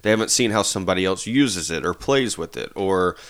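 A man's voice: deep voice, animated, a little fast, a bit bright. A man in his thirties co-hosting a casual chat show, rambling with plenty of fillers. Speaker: podcast co-host.

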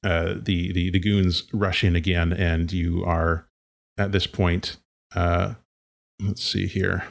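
Deep, gravelly game master. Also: male voice, level tone. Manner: halting, with frequent fillers and laughs. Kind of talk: narrating a tabletop game.

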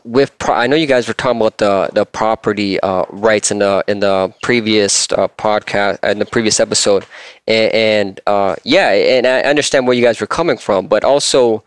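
Smooth-voiced young man from Austria. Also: on the low side, moderate pace, no room sound. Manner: eager, rambling with restarts. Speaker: guest listener. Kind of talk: casual podcast chat.

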